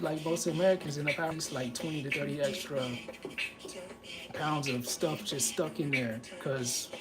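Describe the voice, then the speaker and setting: Man casually narrating while cooking, music behind. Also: on the high side. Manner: halting, informal, thinking aloud. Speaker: host of a live cooking and health stream. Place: home kitchen.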